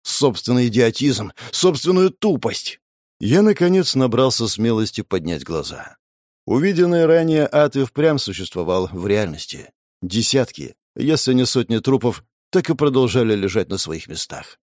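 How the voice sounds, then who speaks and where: A man's voice: mid-range voice, big pitch swings, normal speed, a little mellow, no room sound, studio quality. A man reading a first-person story aloud in an intense, dramatic narration.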